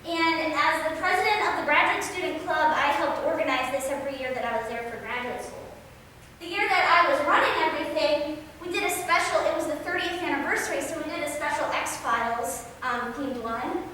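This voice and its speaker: A woman's voice: high voice, lively intonation, a little fast, pushed and bright. A woman biologist giving an informal slide lecture in a casual, conversational way. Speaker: biologist giving an outreach talk. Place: large echoey room, speaking through a mask. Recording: very echoey hall, distant mic, faint noise.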